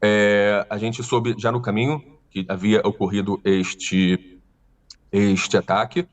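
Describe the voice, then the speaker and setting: A man with a carioca accent from Rio, a tour guide speaking in a remote news interview with many hesitant pauses. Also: fairly low pitch, little pitch movement, distant mic. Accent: Carioca Brazilian Portuguese. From Rio de Janeiro, Brazil.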